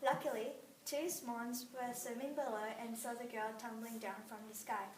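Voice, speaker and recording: A woman's voice: fairly high pitch, steady tone, normal speed. Woman reading a story in a roomy space. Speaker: reader. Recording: roomy, distant mic, faint noise.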